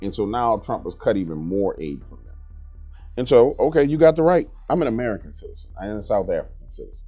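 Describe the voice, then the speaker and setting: A man delivers blunt, emphatic commentary in a very low, dark voice. The recording sounds slightly dull, with faint music underneath. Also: sing-song, fast, breathy edge. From New Orleans, Louisiana. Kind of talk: casual commentary.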